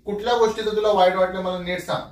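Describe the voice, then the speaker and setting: Irritated husband, far off in an echoey room. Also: male voice, high-pitched, flat delivery, fast, a crowd in the background. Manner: puzzled, then irritated and demanding answers. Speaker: husband being pranked. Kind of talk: heated domestic argument. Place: bedroom at night.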